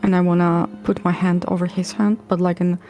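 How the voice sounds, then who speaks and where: Soft-spoken woman playing a tabletop game. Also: on the low side, level tone, a little fast, soft background music. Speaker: player. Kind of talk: casual tabletop play.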